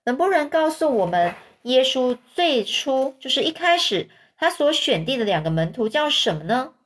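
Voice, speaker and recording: A woman voicing a solemn older male judge who lectures a child slowly and patronizingly. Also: high voice, very animated, voice pushed up.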